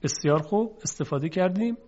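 A man's voice: high-pitched, expressive, mellow. A male teacher giving a recitation lesson, patiently explaining and sounding out letters to demonstrate. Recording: dull lo-fi recording.

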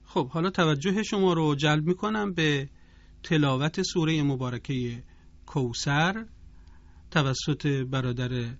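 A man's voice: mid-range voice, dry recording. A man giving a formal tajweed lesson on a radio program, explaining points and demonstrating recitation examples. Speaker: Quran recitation teacher. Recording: dull lo-fi radio broadcast.

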